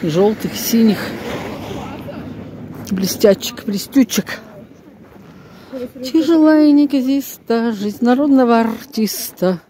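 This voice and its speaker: An older woman vlogs casually on a handheld phone, rambling to herself in a folksy, exclaiming way full of playful diminutives. Her voice is expressive and slow, with long pauses. She moves between a shop, a bus, a snowy street and a flat, and the recording is noisy with vehicle rumble.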